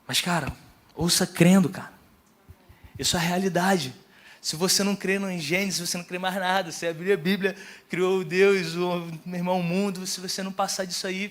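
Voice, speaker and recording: A young man from Rio preaching a sermon in casual, slangy speech, swinging from loud calls to hushed storytelling. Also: high-pitched. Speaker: pastor.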